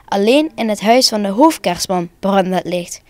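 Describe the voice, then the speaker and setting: A woman narrating a children's Christmas story for broadcast, calm and expressive. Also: mid-range voice, normal speed, no room sound.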